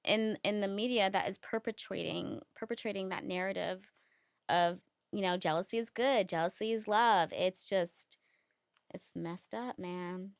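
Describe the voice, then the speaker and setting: A woman co-hosts a laid-back podcast conversation at a middle pitch. She tells stories animatedly, filling them with "like" and "um", and she acts out the lines she quotes. Her voice is recorded dry, with little room sound. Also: unhurried, creaky, dry recording. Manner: filler-heavy, laughs often. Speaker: podcast co-host. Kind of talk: casual podcast chat.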